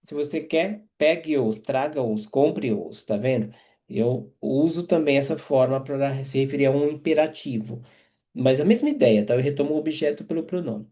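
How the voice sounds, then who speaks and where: A man's voice: mid-range voice, dark tone. A man teaching French grammar, explaining each example and checking in with listeners as he goes. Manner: repeats and checks in with quick tags.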